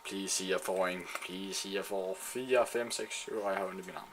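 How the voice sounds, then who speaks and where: A man giving excitable live commentary while playing a shooter game, swearing and trash-talking his opponents. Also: low-pitched, background noise.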